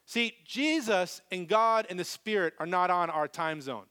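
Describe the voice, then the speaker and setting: A man preaching a live sermon to a congregation, animated, swinging from loud emphasis to very soft, hushed lines. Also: high voice, a little slow, clean tone. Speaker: pastor.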